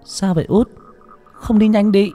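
A man's voice: a little high, big pitch swings, warm tone, faint music behind, pitched above the performer's own voice. A man voicing an urgent, protective older sister, a young girl, in a story read aloud. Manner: urgent, hurried questions.

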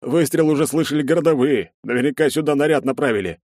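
A man's voice: on the high side, a little mellow, dry recording, studio quality, pitched above the performer's own voice, natural voice. Man doing an anxious young student. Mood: urgent. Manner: urgent and hurried. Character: anxious, cautious young male student Yelisey. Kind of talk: audiobook narration.

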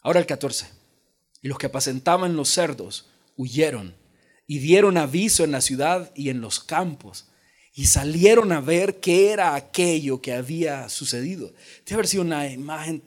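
A pastor from El Salvador preaching a lively sermon, joking and acting out the voices in the story. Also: male voice, a little high, moderate pace. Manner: animated preaching with jokes and acted-out voices.

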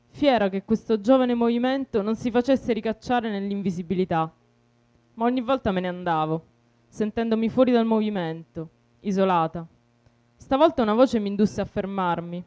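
Woman reading a story out loud, steady and earnest, smooth clear voice, dry dull-sounding recording. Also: medium pitch, no room sound. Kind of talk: literary reading, first-person narration.

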